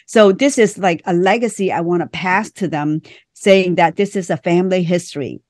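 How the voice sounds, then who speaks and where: A woman's voice: on the low side, moderate pace, darkish tone, no echo, clean studio sound. A middle-aged woman from Vietnam with a Vietnamese accent, speaking earnestly in short phrases as an author being interviewed on a podcast. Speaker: author and guest.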